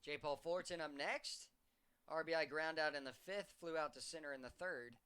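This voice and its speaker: A male play-by-play announcer calling a baseball game. His voice sits a bit high, with a smooth, resonant clarity and a bright, forceful edge. He keeps a steady call that lifts in energy when a hit comes. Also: brisk.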